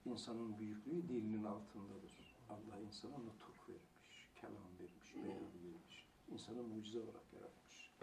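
Man, religious lecture, rhetorical questions he answers himself, gravelly edge, echoey room. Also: medium pitch, darkish tone. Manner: slow, deliberate emphasis on single words. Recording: echoey room, mic far off, faint hiss.

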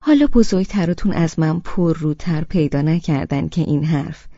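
A woman voicing a fond old grandmother who talks in a halting, motherly way, in an audiobook. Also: low-pitched, mellow, no echo, muffled recording. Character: sweet chatty old grandmother, hesitant and fond. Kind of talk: audiobook character reading.

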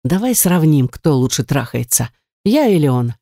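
A woman voicing a jealous, cruel young man who snarls and sneers, in a dark, dry audiobook reading. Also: on the high side, big pitch swings, moderate pace, creaky, dry recording. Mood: menacing.

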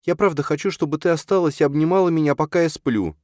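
A man's voice: fairly high pitch, fast, a little mellow, no echo, studio quality, voice pushed up, natural voice. A man voicing a frightened, clingy boy of nearly ten who pleads with his mother, in an audiobook read aloud.

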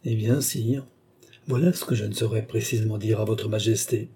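A timid old duke, tutor to a prince, answering his king with anxious deference in a soft, husky tone, as a man reading aloud puts him on. He hesitates and hedges in the measured flow of an audiobook. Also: on the low side, fairly even intonation. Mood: flustered.

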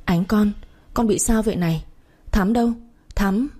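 Woman voicing an old matriarch, gentle yet commanding. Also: mid-range voice, normal speed, pitched above the performer's own voice, lightly acted. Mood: alarmed. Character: stern older woman, household matriarch.

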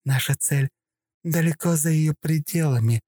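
A man voicing a haughty young princess in an audiobook, speaking coldly, slowly and with contempt. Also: on the high side, mellow, dry recording, voice pushed up. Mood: menacing. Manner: cold, slow, contemptuous, threatening. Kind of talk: audiobook character voice.

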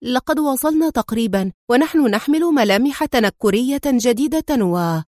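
A woman reading a storybook, voicing a young female spy who speaks softly and gently. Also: fairly high pitch, animated, moderate pace, no echo, studio quality, close to an everyday voice. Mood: gentle. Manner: soft and gentle. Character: devoted young woman spy, soft and teasing.

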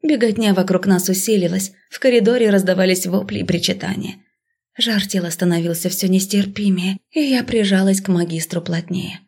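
A woman narrating a first-person romantic fantasy novel with a medium-pitched voice. Her reading is expressive and sinks into soft, breathy hushes in the intimate moments. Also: fairly quick. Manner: expressive, drops to a hush in intimate passages. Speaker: audiobook narrator.

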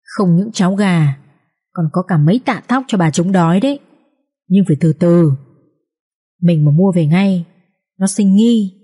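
A crafty, crude village thief husband barks orders and jokes coarsely, as a woman reader puts him on. The voice is mellow and warm underneath, with a brash, bossy edge. It comes from a storybook reading. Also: lowish voice, measured pace, long pauses, breathy edge.

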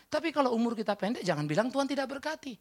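A woman preaching a church sermon, firing rhetorical questions at the congregation and breaking into emphatic exclamations, swinging between loud and hushed. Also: on the high side, very animated, racing.

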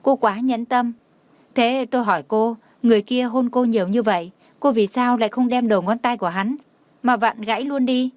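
A woman's voice: a little high, moderate pace, darkish tone, no room sound, lightly acted. A woman voicing a playful young man who cries out and pleads when hurt, for an audio novel. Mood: whiny complaining. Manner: crying out in pain, pleading.

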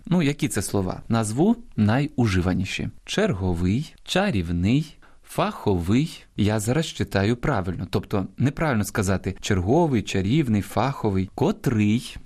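A man from Ukraine, a language expert and textbook author, explaining usage on a radio program in a didactic way, pitching key words up as he gives example after example. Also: darkish tone. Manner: didactic, explains with examples and spelled-out stress drills. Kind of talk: educational radio talk. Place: radio studio.

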